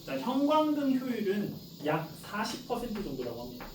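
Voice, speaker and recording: This forties-aged male teacher lectures his class in a chatty way, frequently posing questions and supplying the answers himself. He speaks at a moderate pace in a high, sing-song voice, captured from far off in an echoey classroom with background noise.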